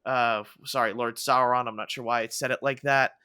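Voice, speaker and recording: A man's voice: medium pitch, fairly even intonation, brisk, pushed and bright, smooth, no room sound, studio quality. A man co-hosting a podcast in casual chat, rambling with many fillers and restarts. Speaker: podcast co-host.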